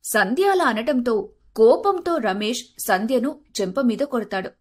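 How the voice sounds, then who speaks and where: A woman narrating an animated moral story in a steady, plain storytelling manner. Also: on the high side, measured pace.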